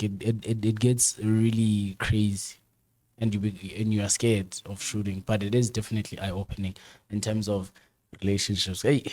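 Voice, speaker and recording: A man's voice: fairly low pitch, dark tone. A man, a guest on a casual chat show, talking emphatically in slang and often repeating or restarting his phrases. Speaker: guest, camera operator.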